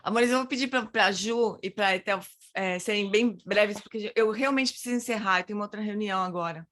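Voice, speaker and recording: Woman host, affectionate, pet names, mid-pitched voice, video call. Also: a little fast, fairly bright tone. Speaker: study group host. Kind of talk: online group chat.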